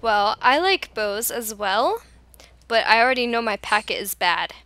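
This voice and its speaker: Brief: woman host of a gaming channel, exasperated and teasing, slightly high, smooth voice. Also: expressive, unhurried, no echo. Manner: exasperated, teasing, sudden loud outbursts. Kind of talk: casual gaming chat.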